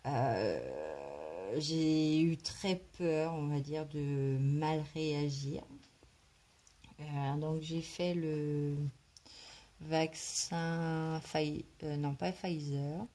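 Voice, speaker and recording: Colouring in a book, this woman vlogger rambles hesitantly and casually, thinking aloud for her viewers. She speaks extremely slowly in a low, warm voice with a flat delivery and a slight smoker's cough.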